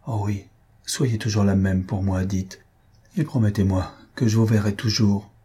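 A man reading aloud, voicing an earnest, devoted young gentleman who questions tenderly. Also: medium pitch, normal speed, breathy edge, voice pushed up, natural voice.

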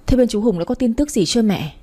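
A woman's voice: a little high, lively intonation, fast, mellow, voice pushed up. A woman voicing a loyal, outspoken elder sister who talks in a feisty way.

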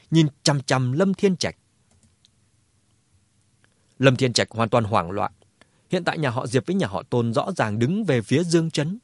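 A man reads a novel aloud as an audiobook, keeping a steady narrating pace. His voice sits at a middle pitch. The recording is dry and close. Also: no room sound. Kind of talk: scripted story narration.

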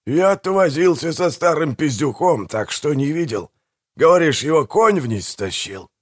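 Man voicing crude bearded bandit brother, higher than the narration, jeering. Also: animated, measured pace. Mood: gruff. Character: gruff bearded grave-robbing brother, lazy and crude.

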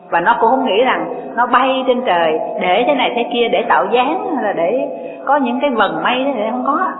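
Buddhist teacher, unhurried preaching with rhetorical questions; tinny lo-fi recording in a reverberant hall, faint music behind. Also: medium pitch. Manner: unhurried, asks rhetorical questions, reads scripture aloud. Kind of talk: dharma talk sermon.

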